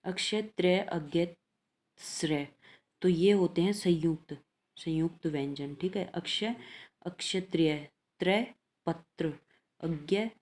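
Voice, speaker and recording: A woman's voice: lowish voice, slow pace, a little mellow. A woman teaching an elementary language lesson, patiently reading out letters and exercises and checking in after each point.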